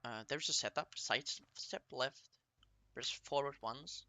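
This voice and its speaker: A man's voice: mid-range voice, unhurried, bright, forceful tone, no room sound. A man speaking as a speedrunner, giving a casual route tutorial in short, step-by-step instructional phrases. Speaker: speedrunner explaining a game route to viewers.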